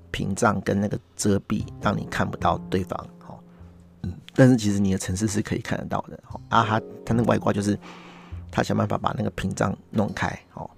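A man with a Taiwanese Mandarin accent, hosting a podcast and telling stories in a chatty, relaxed way, dropping a filler tag into almost every sentence. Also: lowish voice, vocal fry. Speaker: podcast host. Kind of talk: casual monologue.

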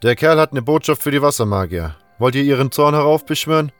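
A man voicing a calm, friendly young male hunter and armor maker who talks in an easygoing, matter-of-fact way. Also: medium pitch, fast, no echo, soft background music, pitched above the performer's own voice, close to an everyday voice.

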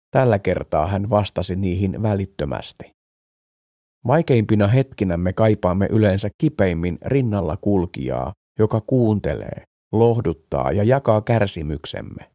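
Deep-voiced man reading scripture calmly. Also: dry recording, studio quality. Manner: calm, measured reading with expressive phrasing. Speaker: Bible podcast reader. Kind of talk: scripted devotional Bible reading.

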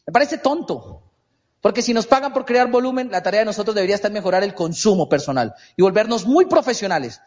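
High-voiced emphatic man on stage. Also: lively intonation, fast, a little mellow, long reverb tail, lo-fi sound. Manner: emphatic and repetitive, with rhetorical questions. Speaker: business speaker. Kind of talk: motivational seminar talk.

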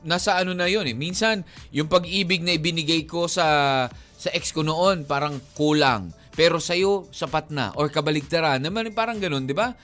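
A man co-hosting a radio show, talking in a teasing, animated way and mixing Tagalog and English. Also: on the high side, normal speed, soft background music. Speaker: radio DJ co-host. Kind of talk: casual radio banter.

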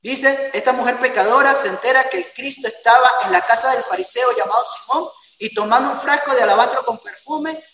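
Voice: mid-range voice, a little fast, few pauses, fairly bright tone, distant mic. A preacher delivering an earnest sermon to a congregation he calls beloved brothers and friends. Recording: roomy hall, voice from afar.

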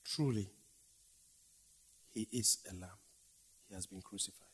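A man preaching a dramatic sermon, swinging from loud declaiming to hushed whispers in a slow, repetitive cadence. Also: low-pitched, husky.

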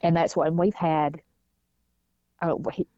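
A woman talks through a personal story in an easy interview, slipping into the voices of people she quotes. Her voice sits low and mellow. The recording is dull and lo-fi, with a dry, close sound. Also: steady tone, unhurried, no room sound. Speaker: guest, mother. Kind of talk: casual interview talk.

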